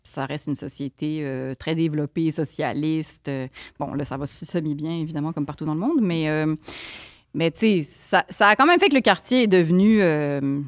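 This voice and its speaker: Guest comic, a woman with a hybrid Quebec and Parisian French accent, lowish voice, very dry room. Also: moderate pace, dry recording. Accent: hybrid of Quebec and France French. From Montreal, Quebec. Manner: rambling, with frequent restarts and fillers. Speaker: guest comedian. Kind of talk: casual podcast chat.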